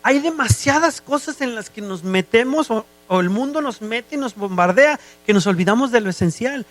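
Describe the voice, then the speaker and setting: A man's voice: very high voice, expressive, normal speed, a bit bright, soft background music. A man with a Mexican accent preaching a sermon as a guest, who often checks whether listeners follow him.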